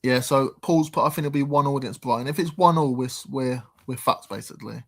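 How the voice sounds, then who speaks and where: A man's voice: medium pitch, a little fast. A man, hosting a casual football livestream, reading chat comments aloud with a lot of hesitant ums. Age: 30s. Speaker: livestream host.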